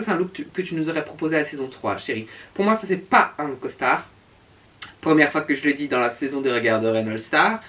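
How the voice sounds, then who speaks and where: A reviewer gives casual reaction commentary on show looks, sassy and campy in a drag-queen manner, stretching words for emphasis. The voice is mid-range and fairly bright, caught on a distant microphone.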